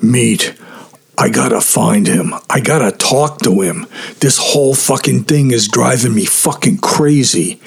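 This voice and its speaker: A man's voice: medium pitch, a little slow, creaky, slightly rough, heavily acted. A man voicing an anxious, earnest young camper who speaks urgently.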